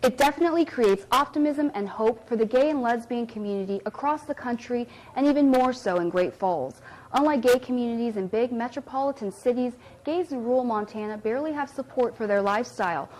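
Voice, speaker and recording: A woman TV reporter, delivering a news report in a clear, even tone. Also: fairly high pitch, a little fast, slight background noise, low-quality recording.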